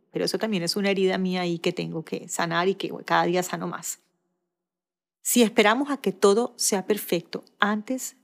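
A middle-aged woman with a Barranquilla Colombian accent hosting a coaching podcast, talking quickly in a conversational style with self-deprecating asides. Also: on the low side. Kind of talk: solo podcast monologue.

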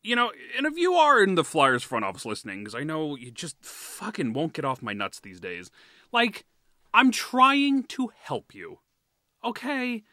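A man's voice: on the high side, huge pitch swings, unhurried, bright, forceful tone, no echo, clean studio sound. A man co-hosting a podcast in casual chat, ranting heatedly, swearing freely and laughing often. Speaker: podcast co-host.

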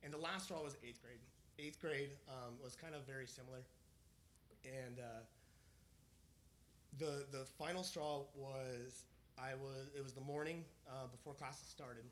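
A man's voice: medium pitch, fairly even intonation, unhurried, fairly bright tone, slight background noise. Man telling a long personal story. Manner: rambling, frequent fillers and restarts. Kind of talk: casual storytelling conversation.

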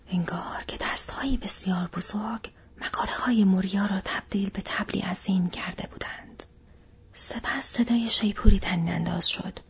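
A woman tells a fantasy story in whispered role-play, her husky, breathy whisper steady throughout. The recording sounds dull and lo-fi, with a voice of middling pitch. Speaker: audiobook narrator.

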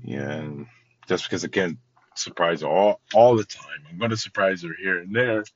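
Male podcast host, deep and earnest, meandering delivery, dry close recording. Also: moderate pace, husky, no echo, dull audio. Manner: rambling, heartfelt, many restarts. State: tired. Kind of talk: casual motivational talk.

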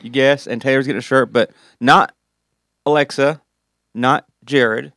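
A man's voice: mid-range voice, fairly even intonation, measured pace, a bit bright, no echo. A man hosting a casual podcast chat with his team, laughing often and restarting his sentences. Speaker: podcast host.

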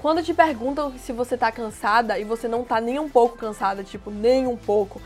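Woman, casual English lesson, slow careful repetitions, slightly high voice. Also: soft background music. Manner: explains plainly, repeats English phrases slowly. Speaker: English teacher.

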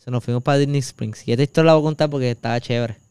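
This Puerto Rican podcast co-host speaks Spanish with a Puerto Rican accent, spinning a long, rambling anecdote packed with fillers and crude slang. His medium-pitched voice is smooth and darkish, rapid-fire, with fairly even intonation and no room sound.

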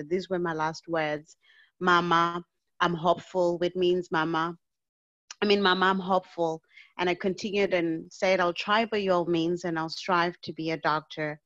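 Woman, 30s, from Zimbabwe, podcast guest; lower voice, earnest storyteller, slightly dull audio. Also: a bit bright, no room sound. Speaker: guest, physician and inspirational speaker.

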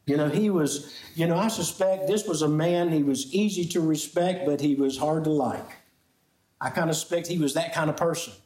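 Male pastor, higher voice, emphatic storytelling sermon, reverberant sanctuary. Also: a little mellow. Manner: storytelling preacher, slow emphatic lines, fillers.

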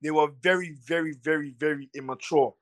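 A man's voice: a little high, fairly even intonation, a little fast. A young man co-hosting a casual football chat in a blunt, mocking, jokey way. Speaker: podcast co-host.

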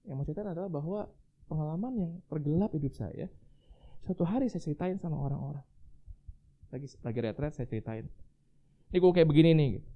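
A man's voice: a little high, animated, fast talker, long pauses. Man, casual sermon, chatty preacher, tinny phone-like audio. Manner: conversational, addresses listeners as friends, tags lines with "gitu ya".

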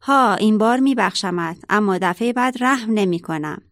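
A woman's voice: medium pitch, fairly bright tone, no echo, studio quality, lightly acted. A woman voicing a pompous, bad-tempered lion king in a children's story, roaring and bossy. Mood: angry.

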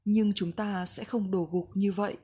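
A woman reading a reflective book passage aloud in a slow, gentle, measured way. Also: medium pitch, fairly even intonation, breathy edge. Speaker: book reader.

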